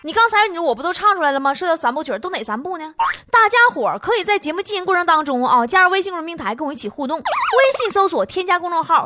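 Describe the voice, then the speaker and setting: A woman's voice: very high voice, noisy background. A woman radio host, telling comic stories in a chatty, teasing way. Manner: chatty, teasing, laughing asides. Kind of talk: comic storytelling. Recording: loud music behind voice.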